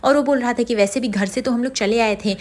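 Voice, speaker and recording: A woman's voice: fairly high pitch, steady tone, quick pace, darkish tone. A woman casually retelling a TV serial episode, informal, with hesitant fillers. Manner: informal, repetitive linking phrases, hesitant fillers. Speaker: narrator of a TV serial recap. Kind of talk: casual spoken story recap.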